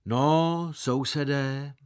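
A man voicing a village boy who plays a pompous farmer, speaking in a put-on low voice. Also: steady tone, clear, resonant tone, close to an everyday voice.

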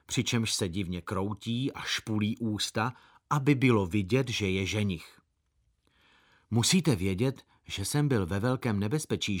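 A man reading a story aloud in a boy's first-person voice, expressive and acting out the quoted characters. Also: mid-range voice. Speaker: narrator.

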